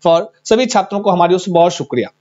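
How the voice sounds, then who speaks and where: A Sanskrit teacher runs a live online exam-prep class, chatty and teasing as he reads students' chat answers aloud. His voice sits high with a darkish tone, lively intonation and a quick pace, heard through dull lo-fi stream audio.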